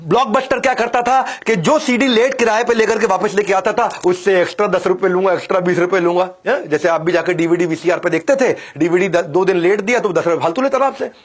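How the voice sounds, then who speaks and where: Male business coach, fairly high, husky voice; punchy, repetitive motivational delivery with big swings in loudness. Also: a little fast, hardly any pauses. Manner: emphatic, repeats phrases, swings from loud declarations to low drops; commands listeners to listen.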